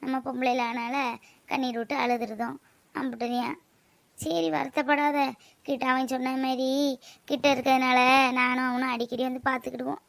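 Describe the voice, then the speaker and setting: A woman's voice: sits high, little pitch movement, moderate pace, vocal fry, no echo. Tearful village mother. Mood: consoling. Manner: soft, tearful, motherly coaxing. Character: worried middle-aged village mother, tender.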